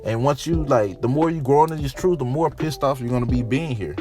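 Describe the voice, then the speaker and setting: Man, casual street preacher, mid-pitched, faint music under the voice. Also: a little fast, a little mellow. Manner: casual slangy preaching, repeats himself, calls listeners "man". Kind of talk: informal sermon with scripture reading.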